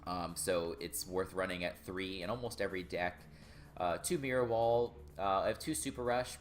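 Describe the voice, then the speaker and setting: A young man casually explaining his card game deck, relaxed and full of filler words. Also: low voice. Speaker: gaming YouTuber.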